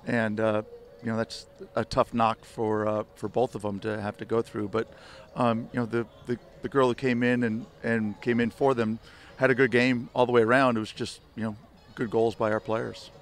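A man's voice: mid-range voice, flat delivery, moderate pace. An older man, a head soccer coach, giving a rambling postgame interview on a field at night, full of restarts and fillers. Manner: rambling, many restarts and "you know" fillers. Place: outdoor stadium field at night. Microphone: handheld reporter mics held close.

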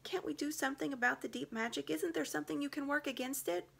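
A woman plays a worried young storybook girl. She pleads hesitantly in a high, hushed voice, anxious and unsure. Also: quick pace, gravelly, full character voice. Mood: pleading.

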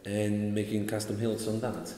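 This relaxed interview guest is a thirtysomething Italian sword maker whose English has an Italian accent with a Scottish tinge. He talks casually, gesturing, in a lowish voice at a moderate pace. Recorded by a far-off camera in a large empty indoor hall, the sound is echoey with faint noise.

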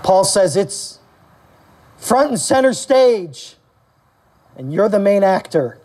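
A male pastor preaching to his congregation in a church service. He talks animatedly and leaps higher in pitch to act out quotes. He asks his listeners questions and calls out for amens. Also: very animated, slow pace, dark tone. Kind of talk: sermon.

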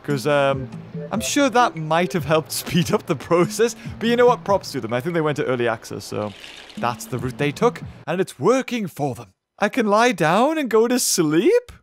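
A man's voice: fairly high pitch, very animated, moderate pace, soft background music. A young man with a sore throat, casually commenting on a game he is playing and reacting aloud to what happens on screen. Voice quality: rough, hoarse from a sore throat. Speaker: gaming video host.

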